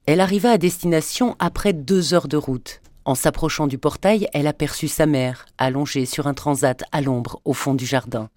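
Warm, dry-voiced male storyteller. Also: a little high, no room sound. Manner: measured, even storytelling. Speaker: audiobook narrator. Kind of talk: scripted narration.

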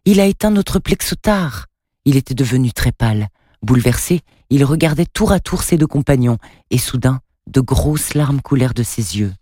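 A man narrating a storybook in a steady, even reading voice. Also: mid-range voice, normal speed, dry recording, clean studio sound. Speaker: narrator and radio presenter.

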